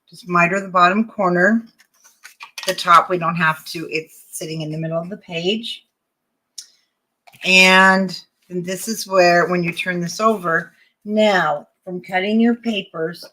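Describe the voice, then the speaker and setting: An older woman leads a live-streamed craft tutorial, chatting and greeting viewers while she works, though she is losing her voice. It's lowish, unhurried, bright and forceful with fairly even intonation, and the audio is poor with slight background noise.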